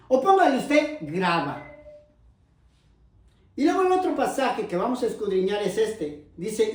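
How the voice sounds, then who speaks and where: A man preaching a sermon, explaining slowly and repeating phrases, often calling listeners brothers, dropping low and soft on asides. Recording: very echoey, from far off the mic.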